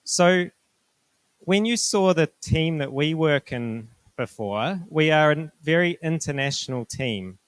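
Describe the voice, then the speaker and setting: In a dry recording, a middle-aged New Zealander with a local accent, a university director, explains things to students in a courteous, measured way during an informational presentation. His pitch is a little high and his delivery is animated.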